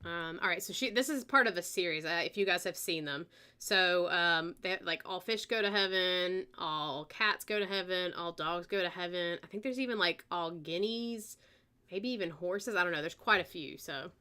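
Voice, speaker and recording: Southern woman, live auction host, bright voice, easygoing chatty pace. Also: fairly low pitch, clear, resonant tone. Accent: American Southern. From American South. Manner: chatty, unhurried, reads out bids and details. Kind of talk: live-stream auction chat.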